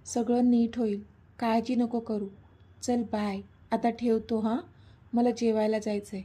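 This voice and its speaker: A woman's voice: on the high side, little pitch movement, a little slow, dark tone, husky. A woman voicing a playful, affectionate young man in a read-aloud story. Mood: soothing. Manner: teasing, easygoing. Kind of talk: storybook reading.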